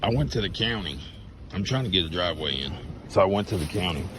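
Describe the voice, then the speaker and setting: A man with a sore, hoarse throat talks in a plain, rambling way while showing his rural land. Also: low voice, expressive, fast talker. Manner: plain-spoken, rambling, folksy. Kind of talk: casual walk-around vlog. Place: outdoors on rural property. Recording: outdoor noise behind voice.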